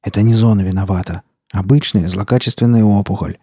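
A man playing a gruff grim forest stalker. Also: lowish voice, fairly even intonation, brisk, warm tone, no room sound, clean studio sound. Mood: gruff, stern. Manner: curt, gruff orders. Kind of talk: audiobook character voice.

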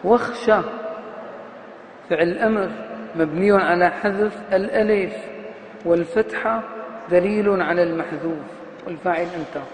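A man teaching a classical Arabic grammar lesson, who repeats and half-chants example words slowly, stressing each syllable. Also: high voice. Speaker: grammar lecturer. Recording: roomy hall echo, faint ambience.

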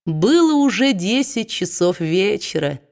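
A woman narrating a classic novel aloud in a steady storytelling manner. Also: medium pitch, unhurried, vocal fry. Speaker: audiobook reader.

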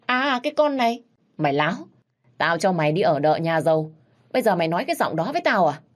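A harsh, drunken middle-aged father snaps and shouts at his wife and daughter, put on by a woman with a naturally low voice. His threats come out loud and sharp. He sounds like a man who rules the house by force. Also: fast, close to an everyday voice. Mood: angry. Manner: shouting, scolding.

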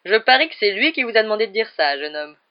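A woman's voice: very animated, fast talker, lightly acted. A woman voicing a boisterous, mocking headless ghost knight who roars and jeers. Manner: booming, jeering. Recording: dull lo-fi recording.

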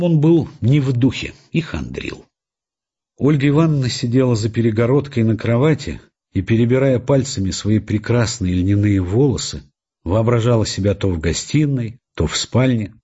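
A man narrating a literary audiobook in an expressive, measured way. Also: medium pitch, breathy edge, dull audio.

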